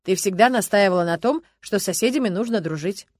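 A woman voicing a calm, tall husband who answers evenly and mildly reproaches, in an audiobook reading. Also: medium pitch, fast, dry recording, studio quality, lightly acted. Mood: calm, reproachful.

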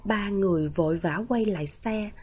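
A woman narrating a novel as an audiobook, reading in an even, steady way. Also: mid-range voice, moderate pace, husky.

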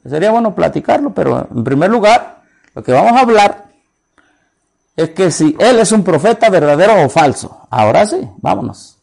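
A man preaching a sermon, retelling conversations with animated storytelling and acting out both sides. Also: high voice, normal speed, vocal fry. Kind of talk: sermon with retold dialogue.

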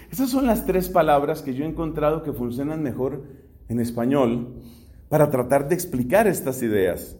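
A man's voice: fairly high pitch, warm tone. A man from Colombia, a Dominican friar, lecturing on philosophy in an emphatic way and repeating key questions to drive them home.

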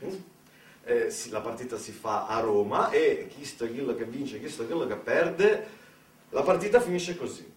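An Italian man performs a satirical theatre monologue at normal speed in an expressive, medium-pitched voice. His delivery is ironic and colloquial, packed with rhetorical questions and asides. The room is echoey and the microphone is distant.

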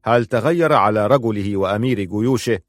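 A man voicing a proud, forceful army commander. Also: lowish voice, brisk, no room sound, studio quality, close to an everyday voice. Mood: defiant. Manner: firm, emphatic declaiming. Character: commanding old male army chief, proud, defiant.

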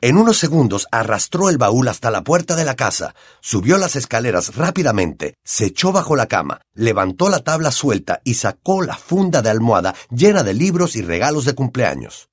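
An expressive male audiobook narrator with a Latin American Spanish accent, his pitch moving lively through the story. The recording is close and dry, with no room sound. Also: moderate pace, few pauses, husky, no echo. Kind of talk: scripted narration.

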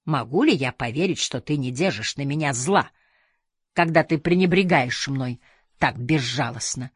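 A woman voicing a secretive, cruel old madam with a grating, gravelly voice and a mocking, reproachful manner. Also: very deep voice, expressive, moderate pace, no room sound, studio quality, full character voice.

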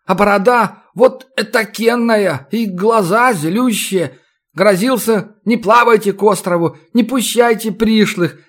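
A man's voice: high-pitched, voice pushed up. A man voicing a frightened, sniffling teenage boy from a swamp village who speaks in rustic folk dialect. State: tearful, sniffling.

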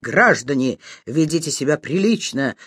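A woman reading an audiobook voices a very young male police officer, measured and officious. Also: low voice, animated, fairly bright tone, husky, no echo, studio quality, pitched below the performer's own voice, exaggerated voice. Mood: stern.

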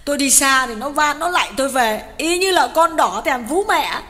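Screechy village wife, wailing and cursing, way up high, bright and swooping, long hall echo. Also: male voice, big pitch swings, quick pace, heavily acted. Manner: shrill, wailing, scolding. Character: angry wailing middle-aged village wife. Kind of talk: audiobook character voice.

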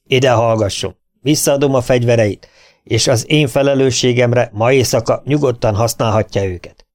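A man's voice: mid-range voice, darkish tone, natural voice. A man voicing a stern small-town sheriff who gives firm, emphatic orders. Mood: commanding.

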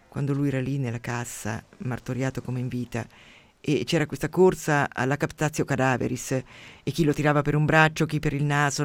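Impassioned man reading poetry on radio. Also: mid-range voice. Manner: impassioned, theatrical reading with sudden loud outbursts and hushed drops. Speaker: radio host. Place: radio studio.

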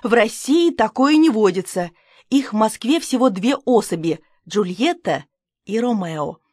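A woman reading an audiobook, voicing a brash, excitable woman friend who rambles and bosses people around. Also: a little high, measured pace, no echo, clean studio sound. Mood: excited. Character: brash loud woman friend, snail breeder.

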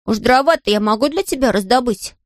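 A curious, kind little boy, as a woman plays him in a storybook, his voice raised a little above hers. He talks in bright exclamations, recorded close and dry. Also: on the high side, fairly quick, no echo, close to an everyday voice. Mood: thoughtful. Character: curious kind young boy, shrunk tiny.

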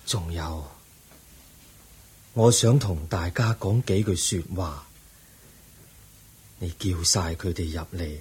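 An actor playing a serene, dying old Buddha in a radio drama, solemn and measured, with a weak, breathy voice. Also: male voice, low voice, in a large hall. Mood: solemn, weary. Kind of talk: Cantonese radio drama acting.

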